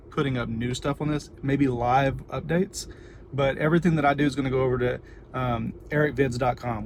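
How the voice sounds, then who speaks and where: Texan man rambling over loud background noise. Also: medium pitch. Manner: rambling, informal. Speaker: vlogger and parent. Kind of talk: casual chatty livestream, answering viewers. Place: inside a car. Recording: noisy car with ambient background noise.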